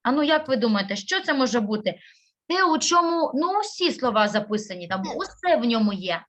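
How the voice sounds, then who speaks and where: A woman's voice: fairly high pitch, big pitch swings, fairly quick, fairly bright tone. A woman teaching a primary school class, patiently sounding out syllables and words.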